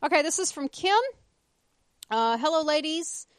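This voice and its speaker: Wry Southern woman, higher voice. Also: animated, measured pace, no echo. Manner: reads listener notes aloud, wry and profane. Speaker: podcast host. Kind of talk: casual podcast chat.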